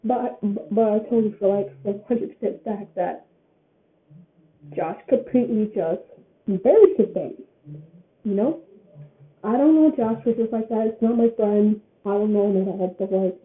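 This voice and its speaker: A woman's voice: mid-range voice, normal speed, long pauses. An eighteen-year-old woman giving her opinion in a casual vlog, rambling and often repeating her phrases. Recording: tinny phone-like sound.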